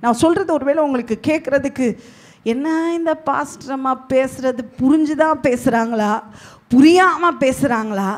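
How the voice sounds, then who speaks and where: High-voiced woman preaching a sermon. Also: normal speed. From Tamil Nadu, India. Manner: emphatic preaching with sharp swings between loud and hushed delivery. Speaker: pastor.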